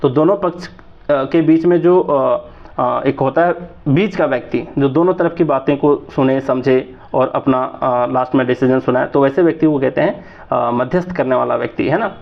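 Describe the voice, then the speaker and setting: A man's voice: mid-range voice, moderate pace, vocal fry. A man in his thirties with a Jharkhand accent, teaching exam vocabulary in a chatty way and often checking that his listeners follow. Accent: Jharkhand Hindi. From Jharkhand, India. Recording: slightly dull lo-fi recording.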